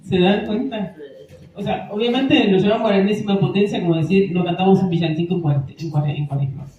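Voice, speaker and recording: A woman's voice: mid-range voice, brisk, warm tone, muffled recording, a little hiss or hum. A woman giving an informal training talk to a parish group, conversational and often checking that listeners follow. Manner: conversational, asks the room for agreement often. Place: parish meeting room. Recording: echoey room, distant mic.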